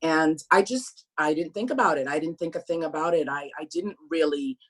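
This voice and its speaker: A middle-aged woman from Brooklyn talking as an interview guest, thoughtful and measured, with frequent pauses and restarts. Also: low-pitched, slightly rough, low-quality recording. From Brooklyn, New York, USA. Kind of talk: candid sit-down interview.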